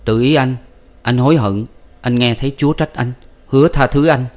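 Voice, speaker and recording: A male audiobook reader voicing a proud, bitter young husband who rants loudly and theatrically. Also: mid-range voice, normal speed, pitched above the performer's own voice, natural voice. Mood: contrite. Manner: loud, ranting, theatrical outbursts.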